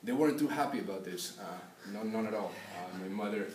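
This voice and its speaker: In an echoey classroom with a faint hum, a young man raised in Peru gives a class speech about something personal, heard from a distance and pausing often on filler sounds. His voice is somewhat low and a little mellow.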